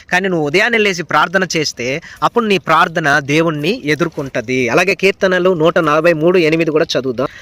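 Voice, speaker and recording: గట్టిగా బోధించే తెలుగు పాస్టర్, ఎత్తైన స్వరం. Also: male voice, sits high, no echo. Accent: Telugu. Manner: emphatic preaching, swinging between loud cries and hushed asides. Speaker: pastor. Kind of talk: sermon.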